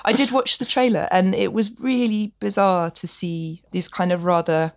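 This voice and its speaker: A woman's voice: mid-range voice, fairly even intonation, moderate pace, no echo, studio quality. A woman co-hosting a culture podcast in casual chat, chatty and opinionated, laughing often. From England. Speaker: podcast co-host.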